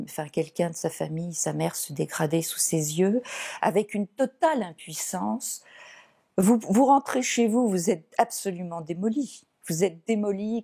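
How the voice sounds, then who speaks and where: A middle-aged woman speaks slowly in a low, dark voice with a gravelly fry. She gives a testimony full of hesitant fillers and grows emphatic as she goes on. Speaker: daughter giving a testimony. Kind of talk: spoken testimony interview.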